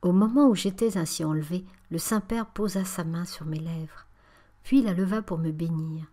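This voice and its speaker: A woman narrating a spiritual memoir as an audiobook, in a calm, measured and often breathy reading. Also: fairly low pitch.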